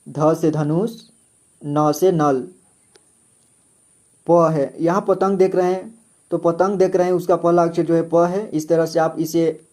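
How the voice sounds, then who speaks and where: Slow, patient man teaching letters. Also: a little high, darkish tone. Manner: slow, patient, repeats each letter several times. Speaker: Hindi alphabet teacher. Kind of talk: slow step-by-step alphabet lesson.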